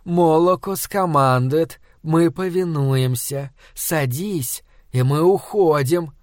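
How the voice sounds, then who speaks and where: A man voicing a menacing, hungry undead monster that speaks in a low hiss. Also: slow, no echo, clean studio sound. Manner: low hissing.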